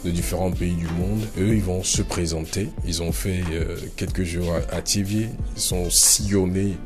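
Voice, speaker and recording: A man hosting a radio interview, energetic but halting with fillers. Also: low voice, over music. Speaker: radio host.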